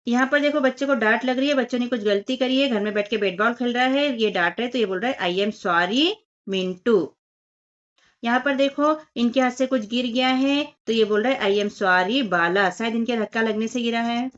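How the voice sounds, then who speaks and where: Female teacher, patient step-by-step children's lesson, slightly high voice, muffled recording. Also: brisk, few pauses. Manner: patient, explains step by step, addresses children as 'बच्चों' and 'बेटा'. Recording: dull lo-fi voice recording.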